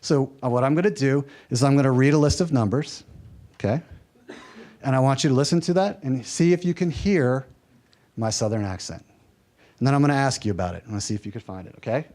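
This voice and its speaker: A man's voice: medium pitch, a little fast, a little mellow. A man from the American South presenting a workshop lecture, conversational and lightly humorous, checking in with his audience. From American South, mountain region. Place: workshop room.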